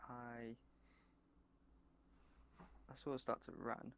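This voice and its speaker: A young man playing a tabletop game, giving quiet, short, low-key answers. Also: little pitch movement, slow, gravelly, dull audio, slight background noise. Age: young adult. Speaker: player.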